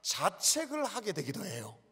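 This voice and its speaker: A man's voice: sits high, huge pitch swings, moderate pace, a bit bright, slightly rough. A pastor, a man, preaching emphatically to his congregation, asking them questions and acting out inner thoughts. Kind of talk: sermon. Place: church sanctuary. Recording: church hall reverb.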